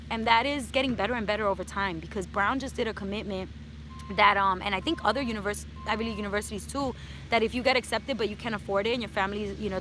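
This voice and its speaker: This personal finance YouTuber, a thirty-ish woman from New York City, talks at a medium pitch over background noise. She's out in the hot sun for a casual Q&A vlog, sprinkling Spanish words into her chat.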